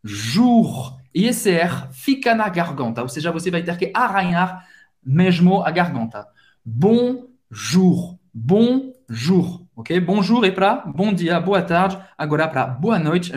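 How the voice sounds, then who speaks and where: A man who speaks with a French accent, a native French speaker hosting a podcast lesson and slowly repeating words for learners to drill. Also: fairly high pitch, expressive. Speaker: podcast host and French teacher.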